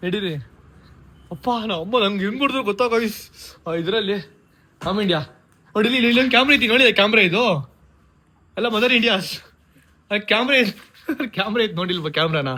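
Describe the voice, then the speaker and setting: A young man running a casual prank vlog at home, excitable and talking straight to his viewers. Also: sits high, fast, long pauses. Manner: excitable, talks to viewers directly. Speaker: prank vlogger.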